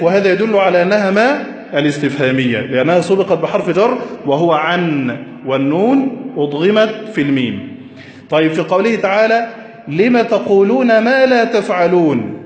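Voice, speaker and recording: A man teaching Arabic grammar at a whiteboard, slow and deliberate, quizzing his listeners with questions. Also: high voice. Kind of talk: classroom lesson at a whiteboard. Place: classroom with a whiteboard. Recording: echoey, reverberant room.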